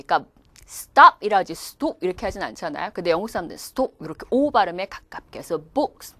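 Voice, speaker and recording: A woman teaching an English test class, animated and playful as she demonstrates pronunciation. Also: mid-range voice, no echo. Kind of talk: lively classroom lecture.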